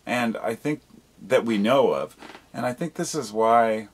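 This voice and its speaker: This male video blogger has a mid-range, slightly rough voice and takes his time. He wanders through a casual monologue, swearing offhandedly and speaking frankly while questioning his own thoughts along the way.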